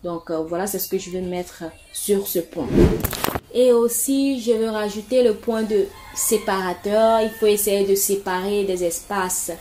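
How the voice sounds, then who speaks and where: Against a noisy background, a woman speaks a little slowly at medium pitch, offering casual home decorating advice to her viewers. She is chatty and repetitive, with frequent fillers and restarts.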